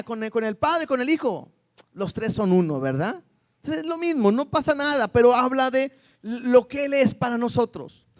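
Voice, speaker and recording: A man preaching a sermon to a church congregation, lively and full of questions to the people. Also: very high voice. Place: church service before a congregation.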